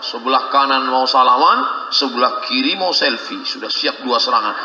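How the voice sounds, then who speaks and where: A man giving a humorous sermon to a crowd, animated and jumping into shrill voices when he quotes people. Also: normal speed, background noise. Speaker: preacher. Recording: echoey hall, live sermon.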